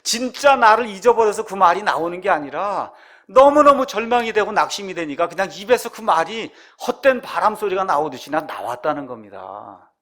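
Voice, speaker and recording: A middle-aged man preaches a sermon in a slightly high voice. He keeps asking his listeners rhetorical questions and acts out the cries of someone in despair. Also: big pitch swings, brisk, fairly bright tone. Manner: rhetorical questions to the congregation, acting out anguished prayers. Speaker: pastor. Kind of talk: expository sermon.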